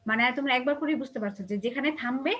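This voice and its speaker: A woman's voice: high voice, racing, fairly bright tone, lo-fi sound. A woman teacher explaining a grammar lesson to her class, patiently asking whether they follow. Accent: Bangladeshi Bengali. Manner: explains patiently, asks checking questions. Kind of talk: online class lecture.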